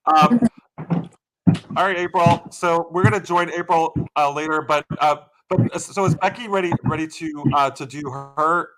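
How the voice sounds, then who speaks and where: A man hosting a live paranormal stream, upbeat and halting with small restarts. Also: on the high side, background noise. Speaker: host.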